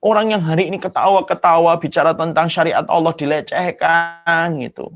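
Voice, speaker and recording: A man preaching an Islamic sermon, vivid and dramatic, punctuating points with sound words. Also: moderate pace. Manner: animated, swooping pitch with dramatic sound words.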